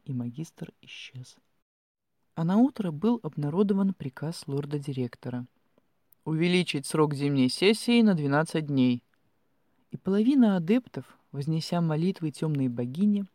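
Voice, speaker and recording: A man reading a first-person fantasy audiobook in an expressive storytelling manner. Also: fairly high pitch, no room sound. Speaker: audiobook narrator. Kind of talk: scripted fiction narration.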